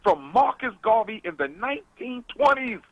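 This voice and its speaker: A man's voice: very high voice, very animated, normal speed, a bit bright, dry recording, lo-fi sound. A man calling in as a guest to a radio talk show, lecturing emphatically over a call-in line.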